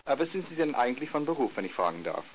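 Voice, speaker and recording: Racing along in a sing-song, mid-range voice, a male narrator of a language course plays roles in polite scripted interviews, filling them with hesitation sounds. The lo-fi tape recording carries a faint hiss.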